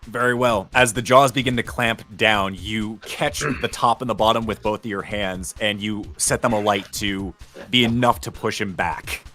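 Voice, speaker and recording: Low-voiced male game master over music. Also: fairly even intonation, moderate pace, bright, forceful tone. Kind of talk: narrating a tabletop role-playing game.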